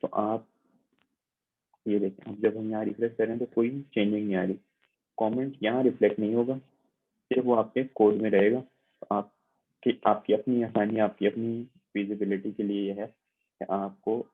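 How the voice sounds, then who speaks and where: A man with a low, husky voice leads an online computing lab. He explains patiently and repeats his points, checking in with his class as he shows each step on screen. The sound is thin and tinny, like a phone line. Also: flat delivery, normal speed, pauses often. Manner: patient, repetitive explaining with frequent check-ins.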